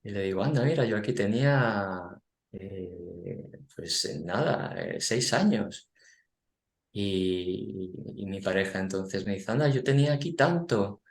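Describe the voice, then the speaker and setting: Guest, man in his forties, low pitch, storytelling, echoey room. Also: takes it slowly, gravelly. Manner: recounts dialogue, frequent tag questions. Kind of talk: storytelling anecdote.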